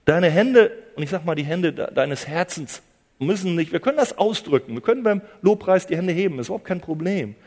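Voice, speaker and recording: With an animated, brisk delivery, a preacher swings between quiet, low-pitched phrases and loud, forceful cries, repeating phrases to drive his points home. A long reverb tail follows his voice.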